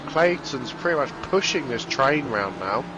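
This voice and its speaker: A man's voice: medium pitch, lively intonation, a little slow, dull audio. A man co-commentating on a motor race, reacting to moves and analysing them live. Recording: noticeable background noise, vehicle sounds.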